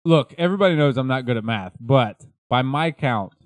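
A man's voice: medium pitch, expressive, a little fast, dry recording. Wry rambling male podcast co-host. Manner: wry, rambling, self-correcting. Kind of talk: casual chat about music.

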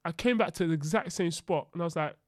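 A man's voice: fairly high pitch, fast talker, dry recording, clean studio sound. A man with a London accent co-hosting a podcast, bantering and telling anecdotes in slangy, jokey speech that often repeats phrases. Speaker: podcast co-host. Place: podcast studio.

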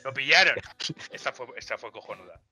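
A man, a game master guest telling animated stories in blunt slang on a casual podcast. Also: medium pitch, brisk, breathy edge, no room sound, soft background music.

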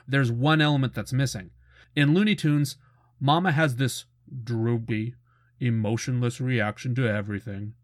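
Middle-aged man, mid-pitched voice, casual fan commentary, conversational, informative, very dry recording. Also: no echo. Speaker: host of a cartoon retrospective show. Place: close, dry voice-over recording.

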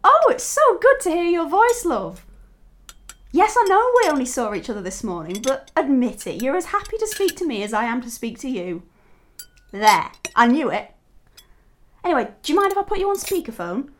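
British female, acting, tender homesick mother for audio drama; animated, fairly high voice. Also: moderate pace. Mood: chatty, affectionate. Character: homesick, tender mother working far from her family.

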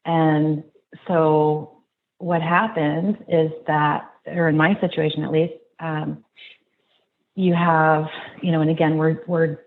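A woman guest in an interview, reflecting slowly and haltingly, restarting her sentences. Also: low-pitched. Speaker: podcast guest. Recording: tinny phone-like line, faint noise.

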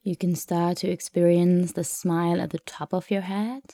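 A woman guiding a meditation in a soft, soothing, unhurried way, leaving long pauses between phrases. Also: lowish voice, little pitch movement, no echo, studio quality. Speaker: meditation guide. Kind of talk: guided meditation narration.

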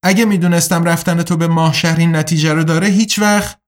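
A woman's voice: fairly low pitch, fairly even intonation, lightly acted. A man voicing a weary, stern female coach and supervisor in an audiobook, speaking in a guarded, worried way. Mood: firm, worried.

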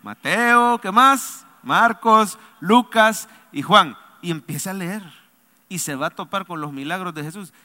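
A man preaching a sermon in a church, his voice high and strikingly bright. He calls on the congregation to answer him, then drops to soft asides between emphatic lines. The long reverb of a large hall trails after each phrase. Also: unhurried. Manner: preaching with call-and-response to the congregation. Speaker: pastor. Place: church sanctuary.

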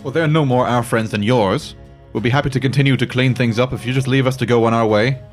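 A little dwarf rogue, evasive and courteous, played by a man at a gaming table. He talks diplomatically at a middle pitch, with music in the background. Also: steady tone, fast talker, lightly acted. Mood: diplomatic. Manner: polite, hedging, diplomatic. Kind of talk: tabletop role-play. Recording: music behind the voice.

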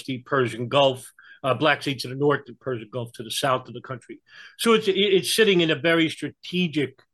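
A man with a New York accent giving conversational political and historical commentary, in a halting way with frequent hesitations. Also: mid-range voice, fairly bright tone. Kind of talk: conversational explanation.

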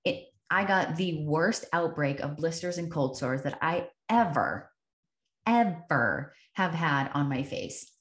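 A woman's voice: low-pitched, expressive, slow. A woman hosting a podcast, telling a personal story in an earnest, reflective way and repeating phrases for emphasis. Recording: echoey room.

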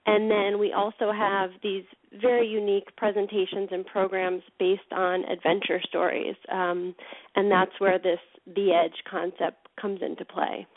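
A woman explains her consulting work to a radio host with enthusiasm. Her voice is dry and close, and it sounds thin and tinny, like a phone line. Her pitch sits in an ordinary middle range. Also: flat delivery, a little slow, dry recording. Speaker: guest, leadership consultant. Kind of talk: radio interview.

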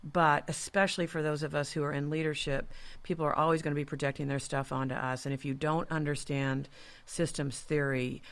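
A woman's voice: low voice, little pitch movement, brisk. Earnest woman hosting a podcast. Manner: reflective, earnest, frequent affirming murmurs. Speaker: podcast host. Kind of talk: conversational podcast talk.

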